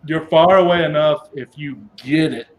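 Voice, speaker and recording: A man's voice: fairly high pitch, normal speed, a little hiss or hum. Man running a casual tabletop game. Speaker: game master.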